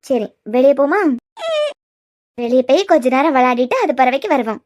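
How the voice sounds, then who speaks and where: A woman voicing a gentle young caretaker in a cartoon, coaxing and soothing in a Kanyakumari Tamil accent. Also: high voice, a little fast, lo-fi sound, noisy background, pitched below the performer's own voice, lightly acted.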